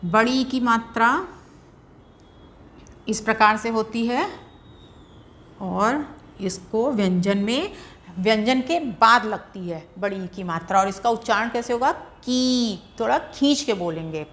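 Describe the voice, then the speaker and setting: A woman teaching grammar in a patient, deliberate way, sounding out syllables one by one. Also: on the high side, expressive, a bit bright. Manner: patient, repeats syllables slowly and drawn out for pronunciation. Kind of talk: slow, deliberate classroom explanation.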